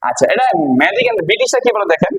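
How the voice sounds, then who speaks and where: The Bangladeshi English teacher speaks rapid-fire in an extremely high voice with huge pitch swings and a fairly bright tone. He runs a classroom-style vocabulary lesson, repeating each word and testing his listeners with questions. The recording is rough.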